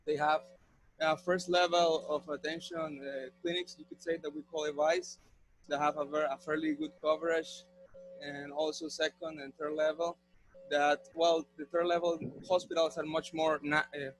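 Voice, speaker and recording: A man from Rica, giving a measured academic conference talk. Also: a little high, a bit bright, low-quality recording. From Costa Rica. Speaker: conference presenter.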